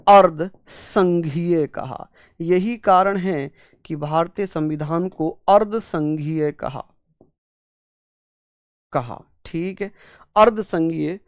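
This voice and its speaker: A male teacher lectures an exam-prep class at an unhurried, deliberate pace. He drills each point again and again, puts his students' questions into words himself, and calls them by fond names. The sound is close and dry. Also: fairly high pitch, smooth, no room sound. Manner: repetitive drilling, voices students' questions, fond terms of address.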